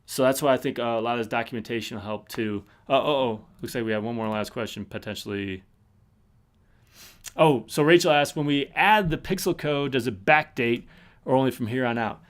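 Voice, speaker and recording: A man presenting a live webinar and answering questions in a loose, casual way, stopping and restarting often, while he is losing his voice. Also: mid-range voice. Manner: casual, full of fillers and restarts.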